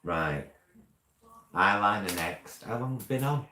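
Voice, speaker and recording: A man's voice: deep voice, expressive, a little slow, pushed and bright. A British man chatting casually as host of a live stream, in the campy, theatrical, endearing manner of a drag queen. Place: indoor room, live make-up stream. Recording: roomy echo, clear background noise.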